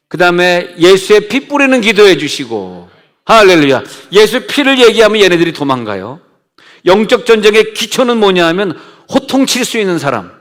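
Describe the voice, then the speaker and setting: Middle-aged pastor guy preaching, chatty, kinda high voice, big echoey church. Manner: conversational preaching, switches between shouting commands and hushed asides. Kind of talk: sermon. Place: church sanctuary. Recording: long church reverb.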